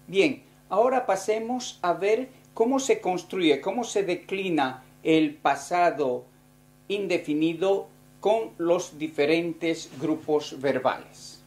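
Slow, low-voiced woman teaching Spanish. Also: darkish tone. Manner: slow, careful, spells out each verb form. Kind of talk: recorded grammar lesson.

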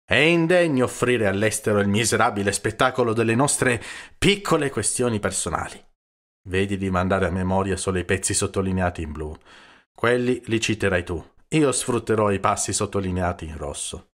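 A man's voice: lowish voice, lively intonation, moderate pace, fairly bright tone. A man voicing a sly, unflappable village priest in an audiobook, speaking in a dry, cutting, commanding way. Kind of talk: audiobook character reading.

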